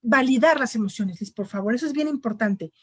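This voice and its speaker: A woman's voice: fairly high pitch, fairly quick, husky, dry recording, studio quality. A woman speaking as a parent guest in a casual panel conversation, talking animatedly and acting out scenes between parent and child. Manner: animated, acts out quoted parent and child voices.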